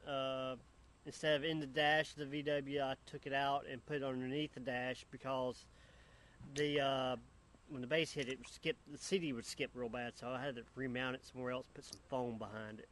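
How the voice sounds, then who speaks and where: A man's voice: mid-range voice, little pitch movement, normal speed, a bit bright, a little hiss or hum. A man co-hosting a casual chat outdoors, easygoing and rambling, laughing often. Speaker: podcast co-host.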